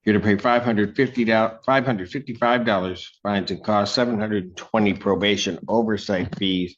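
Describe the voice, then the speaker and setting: A man serving as judge, reading out sentencing and court orders in a measured, formal way, heard in a courtroom recording. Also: on the low side, steady tone. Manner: measured, formal, with occasional fillers. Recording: dull, lo-fi courtroom audio.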